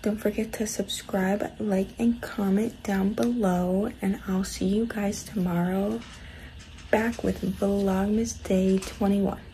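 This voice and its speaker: A young woman vlogging from her dorm room in a casual, soft-spoken way, often half-whispering. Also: medium pitch, steady tone, slow pace, slight background noise, low-quality recording. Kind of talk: casual vlog chat.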